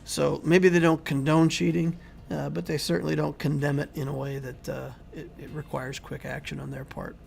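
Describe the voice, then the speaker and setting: Gravelly-voiced man answering chat. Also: fairly high pitch, little pitch movement, normal speed, hardly any pauses, darkish tone, a little hiss or hum. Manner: conversational, rambling with restarts, answering chat. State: losing his voice, clearing throat. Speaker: YouTube game channel host. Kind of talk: casual livestream commentary.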